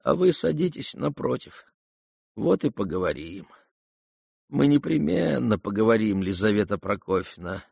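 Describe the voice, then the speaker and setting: A man voicing a dying young man, hoarse and weak, speaking quietly and tiredly with faint irony, in an audiobook reading. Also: lowish voice, very animated, moderate pace, no echo, clean studio sound, exaggerated voice. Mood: weary. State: hoarse, near whisper.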